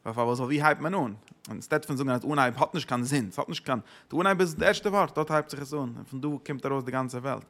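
A man teaching a religious text lesson. He asks himself questions, answers them, and hits sudden loud stresses. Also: medium pitch, fast talker. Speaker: Torah teacher.

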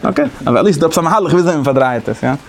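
Male lecturer, rapid conversational delivery, faint noise behind. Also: a little high, expressive, vocal fry. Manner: explains conversationally, thinking aloud. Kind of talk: lecture on interpretation methods.

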